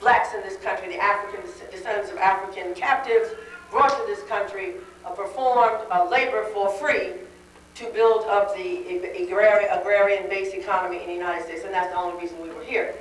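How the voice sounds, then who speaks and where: Heard from a distance in an echoing hall on a hissy, worn VHS tape, a woman gives a dry, conversational speech at a dinner. She speaks fairly quickly with a medium pitch and an even tone.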